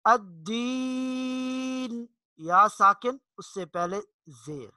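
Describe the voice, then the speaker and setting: A middle-aged man teaching Quran recitation, explaining rules in a plain lesson voice and chanting verses slowly. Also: sits high, pushed and bright, no room sound.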